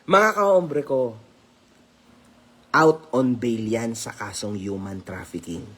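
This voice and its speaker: A vlogger with a fairly bright, mid-range voice speaks slowly and casually to his viewers in a commentary vlog. He teases, laughs often, and mixes English phrases into his talk.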